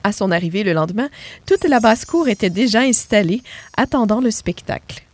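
Animated woman reading a children's story. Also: medium pitch, a little fast. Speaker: narrator.

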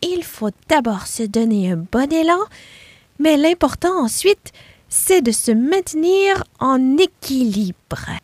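A woman's voice: high-pitched, sing-song, a little slow, a little mellow, no echo, pitched above the performer's own voice. A woman voicing a small determined female pig in a storybook, eager and hopeful, raised a little above her own voice.

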